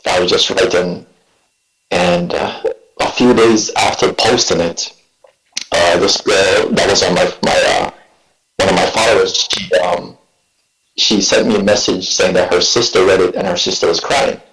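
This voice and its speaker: A man in his forties from Jamaica, speaking with a Jamaican accent, telling his story as a guest poet in a reflective, halting way. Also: low voice, steady tone, a bit bright, a little hiss or hum. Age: 40s. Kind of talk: relaxed interview talk. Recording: echoey room.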